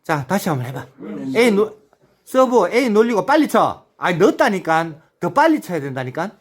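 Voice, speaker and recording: A man's voice: high-pitched, sing-song, moderate pace. A man instructing and cheering people on during a video game, with short repeated calls and a lot of laughter. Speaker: activity instructor.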